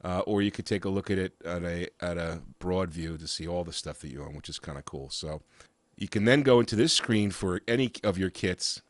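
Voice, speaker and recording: A man with a cold and a raspy voice, walking through software in a casual, halting way with frequent uhs and restarts. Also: low voice, no echo. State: has a cold. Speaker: software reviewer. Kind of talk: casual screen-share walkthrough.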